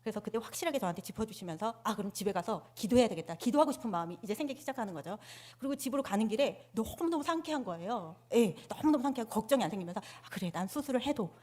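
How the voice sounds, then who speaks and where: A woman's voice: fairly high pitch, lively intonation, rapid-fire, hardly any pauses, a little mellow. A woman giving a personal testimony to her church congregation on a handheld microphone, telling her story candidly and poking fun at herself. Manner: candid, self-mocking storytelling. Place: church sanctuary.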